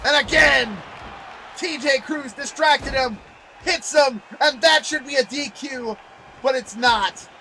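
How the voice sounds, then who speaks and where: A man calling play-by-play as a wrestling commentator, excitable and exclamatory in his delivery. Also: extremely high pitch, slow, slight background noise.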